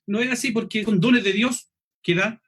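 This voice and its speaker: A man from Chile with a Chilean Spanish accent, teaching an online preaching seminar. He talks fast, clips his words, drops his final S sounds and keeps checking in with the listeners. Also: high voice, a bit bright, husky. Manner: quick, clipped speech, swallows final S, frequent "¿cierto?" checks. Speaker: preaching instructor.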